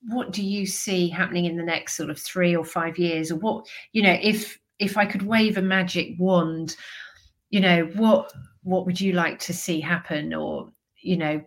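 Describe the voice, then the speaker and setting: A woman with a slightly low voice hosts a relaxed interview. She asks long questions, rephrasing them several times as she goes. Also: moderate pace. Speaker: podcast host. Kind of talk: casual interview.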